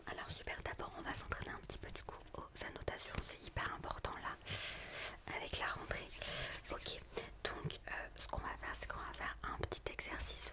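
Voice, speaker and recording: Whispering woman in a soothing role-play. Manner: hushed library-like whisper, repeating phrases soothingly. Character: quirky, gentle female book physiotherapist attending a patient. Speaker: ASMR performer playing a book therapist.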